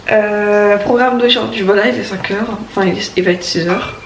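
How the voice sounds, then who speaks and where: A young woman from around Paris chats to camera at home with a sore throat, wandering off mid-sentence and restarting often. Her voice sits at an ordinary pitch and sounds distant from the mic. The room rings with echo under a faint background hum. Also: a little fast, creaky. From Paris region, France. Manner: rambling, hesitant, many restarts and fillers. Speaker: vlogger. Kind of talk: casual morning chat to camera. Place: at home, indoors.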